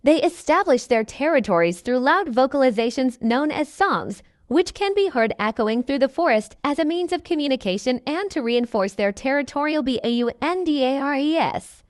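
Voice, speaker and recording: Woman, nature documentary narration, animated pitch movement, dry close sound, scripted educational delivery. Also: normal speed, few pauses, dry recording.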